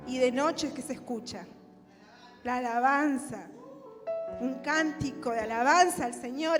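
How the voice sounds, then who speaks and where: Rioplatense woman preacher, high voice, rhetorical questions to the pews, long church reverb, music behind. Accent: Rioplatense Spanish. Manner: asks the congregation rhetorical questions. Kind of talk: sermon and closing prayer. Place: church hall.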